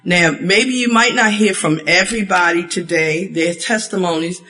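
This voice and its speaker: A woman from Baltimore leading a church gathering, talking in a relaxed, rambling way with many fillers. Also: fairly low pitch, normal speed, a little hiss or hum. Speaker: ministry leader.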